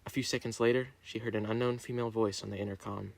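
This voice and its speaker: A man reading a story dramatically, narrating in a deliberate, theatrical way. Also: fairly low pitch, steady tone, gravelly, dry recording.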